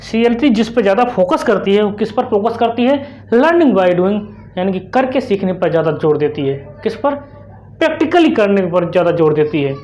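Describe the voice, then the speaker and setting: A young woman with an Indian accent leads an online exam-prep lesson in a mid-range voice. She keeps asking the class short questions and answers them herself. The key terms come back again and again with steady stress. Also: mid-range voice, normal speed, lo-fi sound. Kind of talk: explanatory online lecture.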